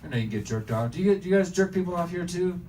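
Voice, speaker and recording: A man's voice: high voice, animated, very fast, a little mellow. A man doing crude, brash stand-up for people in a game store. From Bosnia. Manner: brash, provoking the crowd. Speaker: stand-up comedian. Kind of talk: crude improvised stand-up in a shop. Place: retro video game store. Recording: far from the mic, noisy store.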